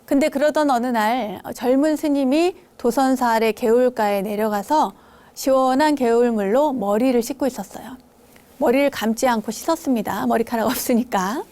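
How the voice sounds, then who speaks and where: Nun giving a dharma talk, tells stories and acts out the scolding bits, pitch on the high side. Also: female voice, moderate pace. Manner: warm storytelling, acts out quoted scolding. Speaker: Buddhist nun host.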